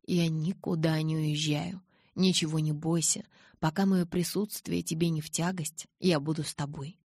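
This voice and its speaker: A gentle, restrained young male vampire from an audiobook, read by a woman. He speaks softly and patiently, in a low, husky voice. The recording is close and dry. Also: fairly even intonation, normal speed, no echo. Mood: calm.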